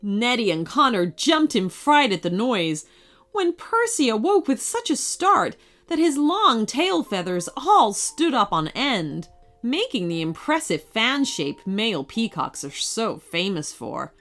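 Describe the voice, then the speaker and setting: A woman narrating a children's storybook in an expressive storytelling manner. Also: a little high, measured pace, faint music behind.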